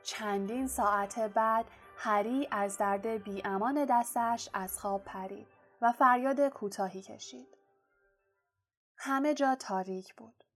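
A woman narrating a storybook aloud in a steady, expressive reading voice. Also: on the high side, husky, faint music behind. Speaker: audiobook narrator.

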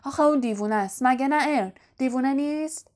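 A woman voicing Stan, an excitable, gossipy young male bus conductor who keeps asking for agreement. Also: high-pitched, voice pushed up, lightly acted.

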